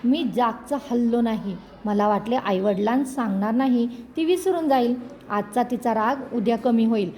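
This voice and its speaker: A woman narrating a storybook in a measured, expressive reading. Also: a little high.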